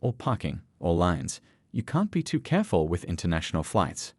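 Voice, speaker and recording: A man voicing a calm, careful father who speaks seriously, in a read story. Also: low-pitched, normal speed, slightly rough, dry recording, pitched below the performer's own voice, exaggerated voice. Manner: serious, earnest.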